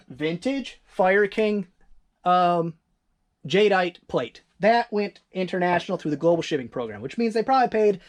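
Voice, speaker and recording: Here a Northern Michigan-accented eBay reseller, hailing from that area, vlogs in a mid-range voice. The talk is loose and rambling, with quick asides whenever they correct themselves.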